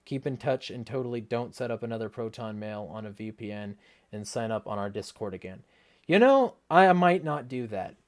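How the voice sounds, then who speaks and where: Male livestream host, mid-pitched, blunt and sweary, indignant ranting with some sarcasm. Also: lively intonation, brisk. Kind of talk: ranting livestream talk, reading viewer comments.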